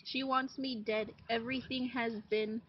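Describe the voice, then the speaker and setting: Woman playing anxious puppet wife, highish voice. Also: flat delivery, normal speed, close to an everyday voice. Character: Elizabeth, anxious accusing adult wife, sock puppet. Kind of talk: amateur puppet-play acting. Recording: dull, noisy lo-fi home recording.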